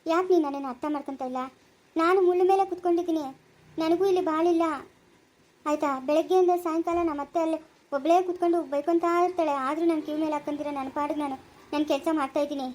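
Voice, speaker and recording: A woman's voice: sits high, fairly even intonation, fast, darkish tone. A woman with a Chikkaballapura Kannada accent acting in a family drama, scolding and quarrelsome. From Karnataka.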